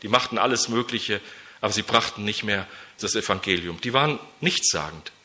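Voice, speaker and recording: A middle-aged male preacher delivers a sermon in a brilliantly bright, cutting voice. He speaks emphatically, repeating phrases as he climbs to fervent high points. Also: fairly quick. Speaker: preacher and mission leader.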